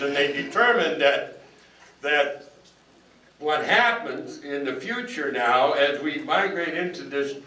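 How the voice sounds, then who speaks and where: A man's voice: on the high side, pushed and bright, a little hiss or hum. An older man giving a folksy, anecdotal speech to an audience in a hall. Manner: folksy, anecdotal, quotes others in voices. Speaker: speaker. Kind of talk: storytelling speech. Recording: echoey hall, mic at a distance.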